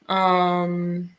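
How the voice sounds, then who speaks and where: Slow, swearing streamer musing while drawing. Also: medium pitch, a bit bright. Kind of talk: casual drawing stream chat.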